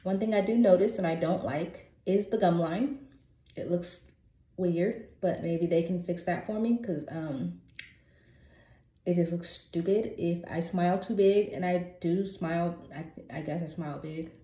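A woman's voice: fairly low pitch, unhurried, warm tone. A woman in her thirties wearing a new partial denture, rambling self-consciously in a casual vlog update. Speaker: vlogger. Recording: echoey room.

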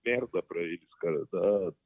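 A man's voice: low voice, normal speed, narrow, tinny audio. A man in his fifties talking over the phone, blunt and swearing freely as he refuses. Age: 50s. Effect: heard over the phone. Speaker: prank call target. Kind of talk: casual phone chat.

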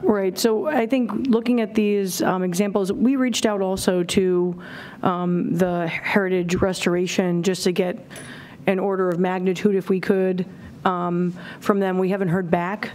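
Middle-aged woman, town committee presenter, plain informal delivery, desk mic, faint rumble behind. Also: fairly even intonation, a little slow, darkish tone. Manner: plain, informal, many fillers. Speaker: town services director leading a committee meeting. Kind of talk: presenting at a public town meeting. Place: town hall auditorium. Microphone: desk microphone.

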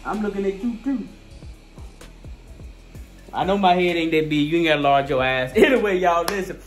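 A man's voice: high-pitched, normal speed, soft background music. A man hosting a casual family vlog at home, teasing and cooing at a baby before speaking straight to viewers. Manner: playful baby talk to an infant, then a direct address to viewers. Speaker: vlog host.

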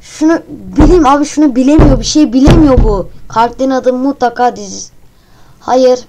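A woman's voice: high-pitched, normal speed, noisy background. A woman hosting her own channel, casually talking through a guessing game while giggling and joking crudely. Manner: giggly, answers questions aloud and jokes crudely.

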